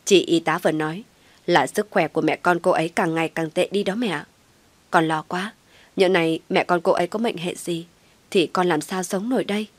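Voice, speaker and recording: A woman's voice: fairly low pitch, brisk, dry recording, close to an everyday voice. A woman voicing an anxious young husband who speaks in an urgent, pressing way. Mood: worried.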